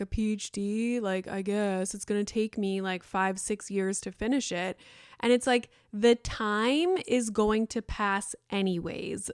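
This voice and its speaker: A woman in her thirties talks through a solo podcast episode in a loose, rambling, chatty way, full of fillers. Her voice is smooth and clear at a middling pitch, recorded close and dry with no room sound. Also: no room sound. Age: 30s. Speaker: podcast host.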